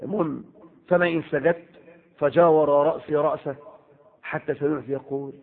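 Impassioned Egyptian preacher, tinny audio. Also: male voice, fairly high pitch, fairly even intonation, a little fast, creaky. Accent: Egyptian Arabic. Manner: impassioned, swings between loud exclamations and hushed asides. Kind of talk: sermon.

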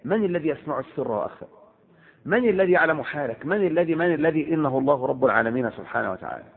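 A man preaching a sermon with an Egyptian Arabic accent, impassioned, switching between loud exclamations and hushed asides. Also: on the high side, lively intonation, racing, creaky, husky. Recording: tinny phone-like audio.

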